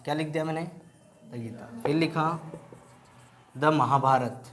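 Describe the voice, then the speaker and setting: High-voiced grammar teacher. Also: male voice, a little slow, fairly bright tone, slight background noise. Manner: explains in Hindi mixed with English terms, asks and answers his own questions; keeps checking in with "right?". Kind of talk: classroom-style grammar lesson.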